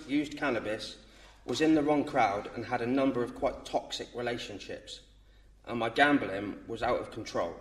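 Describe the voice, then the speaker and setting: In a church, an English man in his thirties nervously reads aloud the testimony for his baptism. His medium-pitched voice is picked up from a distance, giving a roomy, off-mic church sound.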